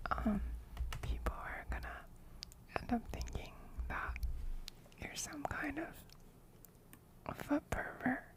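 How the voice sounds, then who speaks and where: Woman, close-up ASMR whisper into the ear, high-pitched, coy and teasing, livestream chat. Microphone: close microphone.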